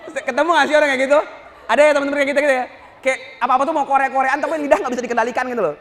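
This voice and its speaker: A male Islamic preacher giving a humorous lecture, joking and telling stories with animated energy. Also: very high-pitched, very fast, in a large hall, a little hiss or hum.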